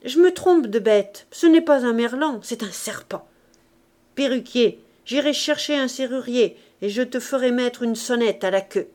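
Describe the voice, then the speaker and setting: A woman voicing a cheeky, brash street boy in a storybook reading, talking loudly and jauntily in a raised voice. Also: expressive, a little slow. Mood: mocking. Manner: loud, jaunty, raised pitch.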